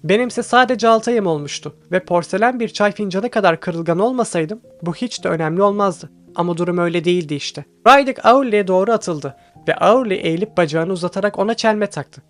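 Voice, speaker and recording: A man reading a first-person audiobook with tense, steady storytelling. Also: high-pitched, brisk, hardly any pauses. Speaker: audiobook reader. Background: faint background music.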